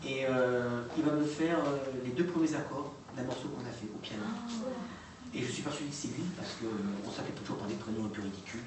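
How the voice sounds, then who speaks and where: A man's voice: mid-range voice, fairly quick. A man presenting recordings to a live audience in an informal, hesitant way, full of fillers and restarts. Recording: echoey room, distant mic, noisy.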